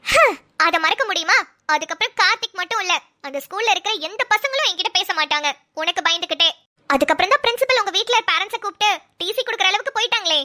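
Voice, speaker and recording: A woman voicing a lively young woman who teases her childhood friend in quick banter. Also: very high voice, heavily acted. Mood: teasing.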